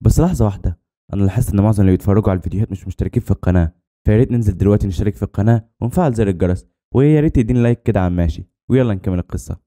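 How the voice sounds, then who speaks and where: A man tells a first-person horror story at a rapid clip. His voice sits low and sounds very dark and mellow. The telling is scripted and tense.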